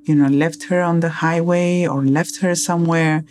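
A woman's voice: deep voice, fairly even intonation, moderate pace, a little mellow. A woman being interviewed as a missing person's mother, speaking hesitantly and searching for words.

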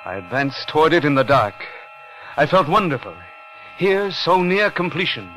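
Brief: a halting, pleading young man, 1940s radio drama narration. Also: on the high side, sing-song, fairly bright tone, poor audio. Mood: tense. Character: nervous, stammering young ex-soldier intruder. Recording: old radio broadcast with music.

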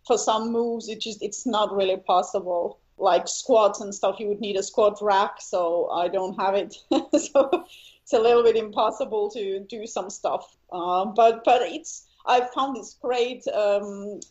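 A woman's voice: mid-range voice, a little slow, darkish tone, dull audio. A Finnish woman being interviewed about her singing, speaking English with a Finnish accent, searching for words and laughing often. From Finland. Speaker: guest singer. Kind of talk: casual interview chat.

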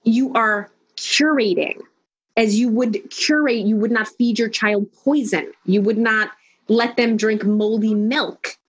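With a fairly high, unhurried voice that has a breathy edge, and highs cut off in the recording, a woman speaks as a life coach in an interview. She is emphatic and declarative, speeding up to rattle through her lists.

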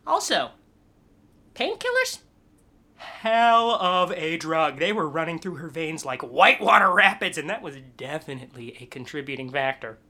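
A woman's voice: low-pitched, big pitch swings, normal speed, sharp tone, heavily acted. A woman playing an awkward young man in an improvised comedy scene, rambling wryly and in a dry, self-deprecating way. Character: awkward young man explaining his odd name.

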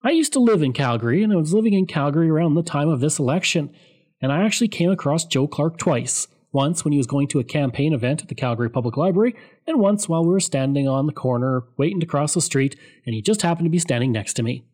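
A man giving a scripted, steady explanatory narration of political history. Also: fairly high pitch, fast.

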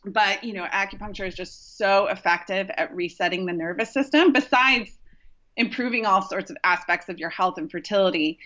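A woman's voice: mid-range voice, normal speed, a bit bright, dull audio. A woman acupuncturist talking casually as a podcast guest, rambling with many fillers and restarts. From Rochester, New York.

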